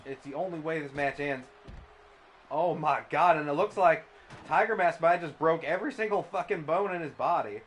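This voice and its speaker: A man doing comedic mock wrestling commentary, deadpan and absurd, often stammering into restarts. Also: fairly high pitch, moderate pace. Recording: noisy background.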